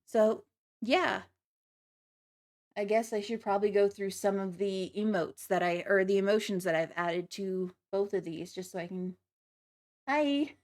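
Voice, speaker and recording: A woman livestreamer with a virtual avatar chats casually with her viewers, giggling, apologizing and sounding slightly nervous. Her mid-range voice is steady and darkish, and she talks at a normal speed.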